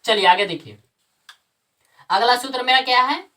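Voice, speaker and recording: A woman's voice: on the high side, normal speed, bright, forceful tone, recorded from a distance. A woman teaching Sanskrit grammar, who asks the class questions, answers them herself and repeats the key terms. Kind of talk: classroom lesson with call-and-response questions.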